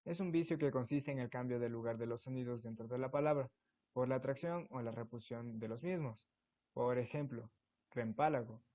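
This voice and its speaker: A man's voice: medium pitch, moderate pace, warm tone. A man, a student presenter, reading definitions and examples evenly from a school presentation. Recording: dull lo-fi recording.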